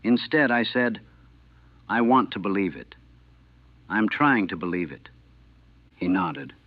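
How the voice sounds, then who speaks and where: A man, a former army chaplain from the United States, recalling the war in a grave, measured and haunted way, heard on an old archival recording. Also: on the low side, sing-song, dry recording. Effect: old archival recording, narrow and tinny. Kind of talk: solemn first-person recollection. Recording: tinny, dry, lo-fi old recording.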